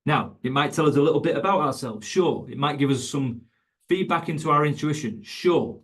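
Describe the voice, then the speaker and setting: A man's voice: on the high side, brisk, a bit bright. A man teaching coaches in an online webinar, emphatic and conversational, repeating his key points. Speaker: fitness coach educator.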